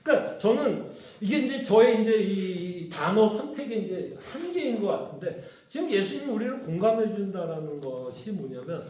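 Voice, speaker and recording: Pastor leading Bible study, high and animated voice, roomy echo, keeps quizzing his listeners. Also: moderate pace, hardly any pauses. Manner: conversational, asks the congregation questions. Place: church hall. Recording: echoey church room.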